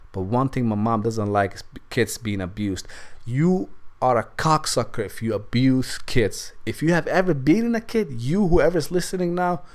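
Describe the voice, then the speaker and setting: A young man casually telling a candid personal story over gameplay, rambling and swearing freely. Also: mid-range voice. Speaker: let's play gamer.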